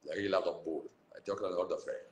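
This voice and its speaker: A man with a Cairene Egyptian accent, a doctor hosting a live stream, talking casually to viewers. He is animated, scolding and joking with them. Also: deep voice, very fast. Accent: Cairene Egyptian Arabic. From Egypt, Cairo. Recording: roomy echo, faint background noise.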